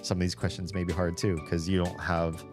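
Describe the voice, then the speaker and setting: A Southern US streamer with a Southern accent chats casually while gaming, his low voice flat and fairly quick. He rambles wryly and interrupts himself, with background music playing.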